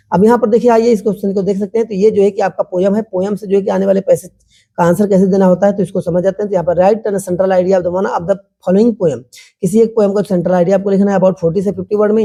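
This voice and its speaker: Husky dark-voiced teacher going over exam answers. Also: mid-range voice. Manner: repeats "ठीक है ना", calls viewers "my dear children"; reads English answer lines slowly.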